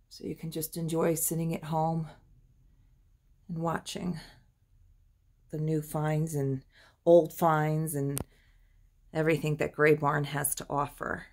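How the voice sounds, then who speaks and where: A woman's voice: sits low, gravelly. A woman giving a chatty phone-filmed tour of an antique shop, admiring the items as she goes. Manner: chatty, admiring, drifts softer and louder as she pans. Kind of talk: casual walkthrough narration. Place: indoors in a crowded antique shop.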